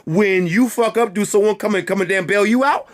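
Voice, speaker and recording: A man hosting his own channel rants heatedly at his viewers, cursing and firing off rhetorical questions while repeating phrases. His voice is high and fairly quick, and his delivery is emphatic throughout.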